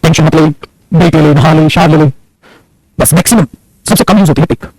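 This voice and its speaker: A man's voice: fairly high pitch, brisk, darkish tone, slightly rough, no echo, poor audio. A man teaching English grammar in Hindi, calling his students "beta" and asking and answering his own questions as he mixes in English example sentences. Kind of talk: online grammar lesson.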